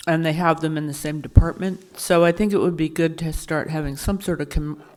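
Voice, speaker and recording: A woman's voice: low-pitched, steady tone, a little fast, darkish tone. A woman on a town selectboard, earnestly explaining her views during a meeting. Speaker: selectboard member. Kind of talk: town board meeting discussion.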